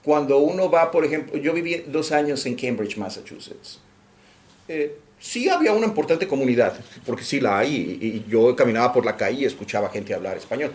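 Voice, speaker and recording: A man from Mexico giving a lecture in Spanish. He talks in an animated way with many restarts, and sometimes slips into English phrases. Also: medium pitch, fairly quick. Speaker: guest lecturer. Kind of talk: lecture discussion. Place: library lecture room.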